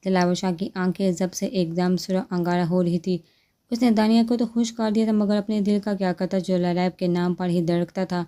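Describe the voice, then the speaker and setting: A woman narrates a romance novel for an audiobook. Her voice is low and mellow, and she reads in a steady, gentle pace of storytelling.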